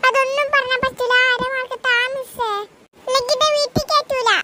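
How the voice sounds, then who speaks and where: A woman's voice: very high-pitched, level tone, fairly quick, very noisy, voice pushed up. A woman voicing a whiny top-student schoolgirl who pleads for half a mark, with a Malappuram Malayalam accent. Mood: pleading.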